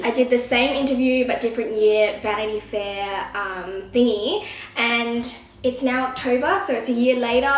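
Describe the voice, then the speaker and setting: A woman, chatting casually and self-consciously as she reacts to an old video of herself at home. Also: a little high. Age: 20s. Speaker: vlogger. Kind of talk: casual reaction vlog chat. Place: apartment at home. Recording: roomy room with soft music.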